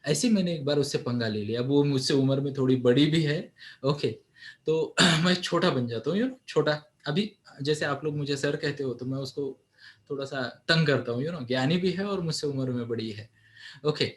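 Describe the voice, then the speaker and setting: Animated, higher-pitched male motivational speaker. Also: moderate pace. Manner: animated, engaging, asks the audience questions. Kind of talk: motivational storytelling talk to an audience.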